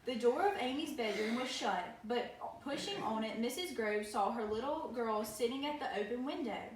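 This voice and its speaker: A woman's voice: on the high side, lively intonation, moderate pace. A woman narrating a story as a dramatic reading. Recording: roomy, distant mic, faint noise.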